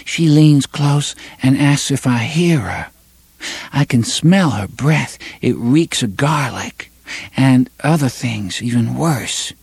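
A man's voice: mid-range voice, expressive, creaky, darkish tone, breathy edge, no echo, voice pushed up, heavily acted. A man doing an entranced young woman's voice. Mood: dreaming. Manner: dreaming, faint, slow.

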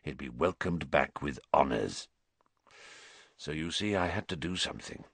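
Man doing a low, croaking, haunted fugitive. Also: expressive, normal speed, dry recording, heavily acted. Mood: brooding. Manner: quiet, brooding. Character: gaunt, haunted escaped male prisoner, bitter, intense.

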